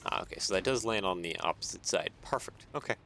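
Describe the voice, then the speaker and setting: A man's voice: sits low, quick pace, a little hiss or hum. A man streaming a game, casually talking himself through building and chuckling often, tired and yawning. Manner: thinks aloud, chuckles often, relaxed rambling. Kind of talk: casual gameplay commentary. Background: soft background music.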